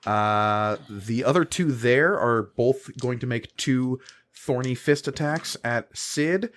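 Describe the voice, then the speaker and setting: A man with a mid-pitched voice runs a tabletop game as game master. He speaks slowly and casually, measuring out narration and rules.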